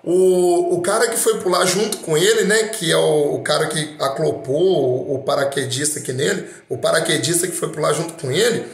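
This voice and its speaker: A man's voice: a little high, normal speed, gravelly, hardly any pauses. A man with a Brazilian Portuguese accent giving a motivational talk, speaking emphatically and straight to the listener with repeated phrases. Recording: roomy echo.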